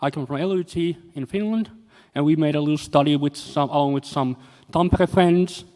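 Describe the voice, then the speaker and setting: A man's voice: fairly high pitch, normal speed, darkish tone. Jokey man with a mock-preacher tone. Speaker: conference presenter. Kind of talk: short poster pitch. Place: conference hall. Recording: echoey lecture hall.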